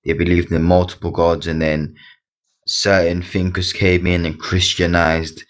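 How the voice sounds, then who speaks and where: Here is a man with a very low, deep voice, chatting casually on a live stream. He talks in a halting way, repeating words and restarting his sentences. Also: level tone. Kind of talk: casual chat.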